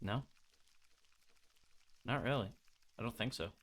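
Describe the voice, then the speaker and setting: A young man streams a game and banters casually with his chat, joking as he plays. His voice sits at a middle pitch with a bright, forward edge. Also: slow. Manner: loose, joking, talks to chat.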